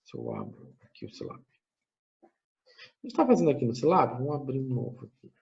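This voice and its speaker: A man giving a math lecture, thinking aloud step by step, often checking in with a quick tag question and correcting himself as he goes. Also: medium pitch, wildly swooping pitch, gravelly, darkish tone. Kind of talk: recorded classroom lecture. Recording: muffled lo-fi recording.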